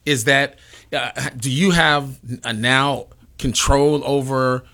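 A man at a middle pitch hosts an interview. He asks long, winding questions, halting and repeating words as he goes. He keeps a conversational tone. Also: steady tone, bright, forceful tone. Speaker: interview host.

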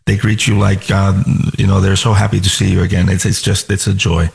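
Gravelly-voiced man on talk radio. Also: low-pitched, level tone. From Finland. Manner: halting, repeats words, many fillers. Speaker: financial advisor and radio show host.

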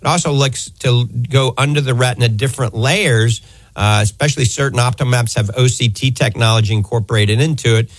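Hosting live health talk radio, an American man who works as an eye doctor near New Orleans gives fluent, emphatic explanations into a close studio microphone. He speaks briskly at a medium pitch, with no room sound.

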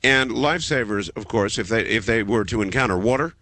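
A man hosting a late-night call-in radio show, with a smooth, calm radio host delivery that slows down to stress repeated phrases. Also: fairly low pitch, no echo. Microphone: studio broadcast microphone.

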